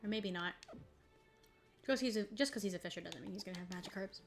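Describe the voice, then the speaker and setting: Woman, game streamer, casual rambling commentary, mid pitch, faint background music. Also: brisk. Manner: chatty, rambling, laughs often.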